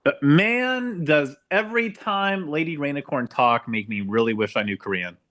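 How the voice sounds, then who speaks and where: A man co-hosting a podcast in casual chat, enthusiastic and quick to laugh. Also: a little high, expressive, fairly bright tone.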